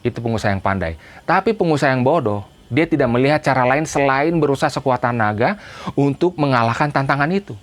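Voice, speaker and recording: A man preaching a sermon to a church congregation. He speaks emphatically, addresses them directly, and builds to loud, repeated cries. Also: mid-range voice, lively intonation, fast talker. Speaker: pastor. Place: church service.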